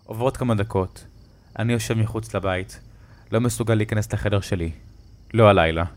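A man narrating a horror story in a slow, dramatic storytelling manner. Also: fairly low pitch.

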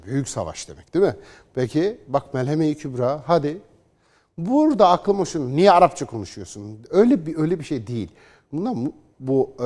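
A man giving opinionated solo political commentary, sarcastic and combative, mocking opponents with put-on quotes. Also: medium pitch. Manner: reads news passages aloud in a flatter tone.

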